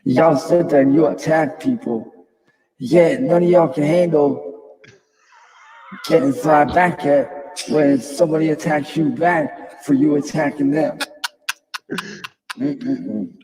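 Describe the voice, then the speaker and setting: A man's scolding, indignant rant, played back from a clip with his voice pitched up. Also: takes it slowly, long pauses, dark tone, long reverb tail, a little hiss or hum, poor audio. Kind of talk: ranting video monologue.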